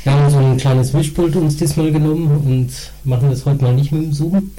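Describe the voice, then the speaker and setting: A middle-aged father co-hosting a casual family podcast, chatty and relaxed, with fillers between his thoughts. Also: fairly high pitch, brisk, rough recording. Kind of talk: casual chat.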